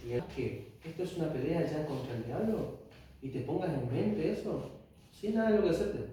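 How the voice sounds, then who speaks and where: A man with a Rioplatense Spanish accent giving an informal, earnest sermon testimony, reading scripture slowly and emphatically. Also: on the high side, warm tone. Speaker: lay preacher giving testimony. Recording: echoey room, distant from mic, faint background noise.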